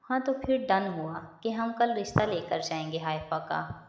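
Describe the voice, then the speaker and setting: A woman's voice: mid-range voice, expressive, unhurried. Casual: affectionate big sis teasing her brother, woman reading, muffled roomy sound. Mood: fond. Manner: fond, teasing. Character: warm, affectionate older sister. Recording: echoey room, slightly dull.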